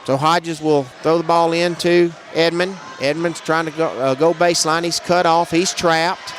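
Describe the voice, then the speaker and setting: A man doing live play-by-play commentary on a basketball game, brisk and matter-of-fact, raising his voice on big plays. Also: on the high side, flat delivery, a little hiss or hum. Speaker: play-by-play announcer.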